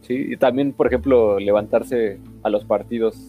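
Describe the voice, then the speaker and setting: A man's voice: on the low side, steady tone, moderate pace, narrow, tinny audio, faint music behind. A young man with a Mexican accent reminiscing casually with a friend, hesitant and often searching for his words.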